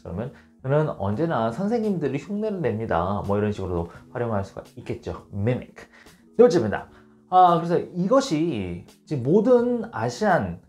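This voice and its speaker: Lively man teaching English phrases. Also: medium pitch. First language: Korean. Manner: lively, explains then drills phrases slowly. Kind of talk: casual spoken lesson.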